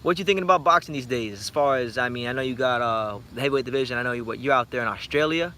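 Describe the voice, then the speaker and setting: A man in his twenties hosting a boxing channel, chatting late at night and answering viewer comments in an animated, rambling way with many restarts. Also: medium pitch, very fast. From United States. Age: 20s. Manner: animated, rambling, frequent repeated starts. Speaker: YouTube boxing channel host.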